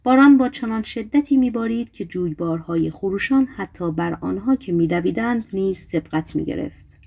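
A woman reading a literary novel aloud as an audiobook narrator, in a measured, even storytelling delivery. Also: mid-range voice, gravelly, husky.

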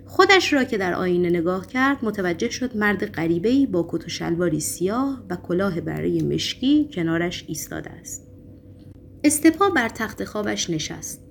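A woman narrating an audiobook in a steady, measured reading voice. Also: on the low side, slight background noise. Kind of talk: scripted narration.

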